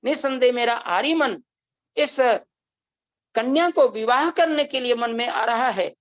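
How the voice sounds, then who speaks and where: A man's voice: extremely high pitch, unhurried, a bit bright, no room sound, rough recording. A man, a Vedic scholar, giving a religious discourse, telling old stories earnestly and chanting Sanskrit verses. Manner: storytelling, earnest and devotional.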